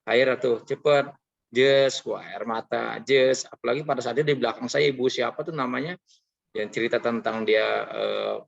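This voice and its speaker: A man tells a heartfelt personal testimony in an earnest, confessional way, pausing often on filler sounds. His voice has a gravelly, creaky edge. The recording is dull and lo-fi. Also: mid-range voice. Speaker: training participant sharing his experience.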